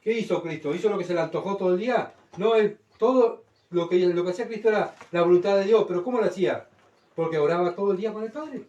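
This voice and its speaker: Guy preaching, high voice, keeps asking the people questions, echoey room and mic kinda far. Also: fast, mellow, highs cut off. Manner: conversational, asks the congregation questions. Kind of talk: sermon.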